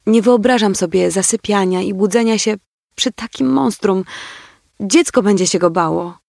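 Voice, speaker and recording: A man's voice: high-pitched, normal speed, vocal fry, a little mellow, no room sound, studio quality. Vanessa, a distraught young woman, read by a man. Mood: upset. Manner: pleading, emotional. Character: young woman, upset and disgusted bride-to-be.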